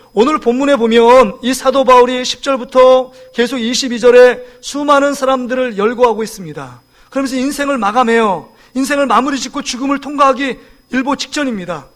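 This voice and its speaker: A man in his forties preaching a sermon in a church, lively and joking, often asking the congregation questions. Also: very high-pitched. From South Korea. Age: 40s. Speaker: pastor. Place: church sanctuary.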